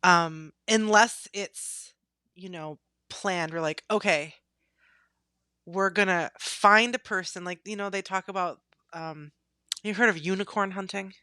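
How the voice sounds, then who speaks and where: Bright, candid woman podcast host. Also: medium pitch, measured pace, no echo, clean studio sound. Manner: candid, laughs easily, animated. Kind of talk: casual podcast chat.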